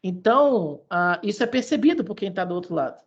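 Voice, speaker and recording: A woman, a guest expert explaining how the voice carries emotion in a halting way, with many restarts. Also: medium pitch, lively intonation, husky, lo-fi sound. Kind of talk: explanatory conversation.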